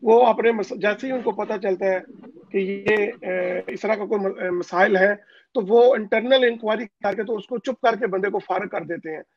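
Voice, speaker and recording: A high-pitched man from Pakistan talks over a phone call line as an interview guest. His voice comes through muffled and completely dry, with no room around it. He presses his points insistently, with frequent hesitant fillers. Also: moderate pace, no echo. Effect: voice heard over a phone call line. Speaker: interview guest, overseas community leader. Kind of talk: political interview.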